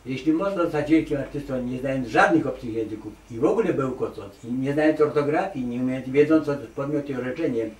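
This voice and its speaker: A man's voice: mid-range voice, fast talker, few pauses, a little mellow, far from the mic. A man talking emphatically and rambling a bit, stumbling over fillers and repeating himself for emphasis. He sits some way from the microphone in an echoey room. A faint hiss of noise runs underneath. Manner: emphatic, digressive, with many hesitations and repeated "nie". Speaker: artist interviewed as award laureate. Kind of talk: conversational interview answers.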